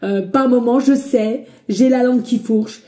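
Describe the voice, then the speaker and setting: Woman psychic vlogger, slight accent, loud and mellow, chatty with lots of fillers. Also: fairly high pitch, measured pace. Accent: a slight accent she mentions. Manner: loud voice, by her own account; chatty, hesitant, addresses viewers as friends. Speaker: psychic medium giving a reading. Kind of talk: casual spiritual guidance vlog.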